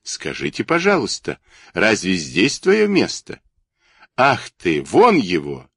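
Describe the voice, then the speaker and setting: A man's voice: medium pitch, huge pitch swings, measured pace, fairly bright tone, husky, no room sound, clean studio sound, voice pushed up, full character voice. A man voicing scolding children of the house.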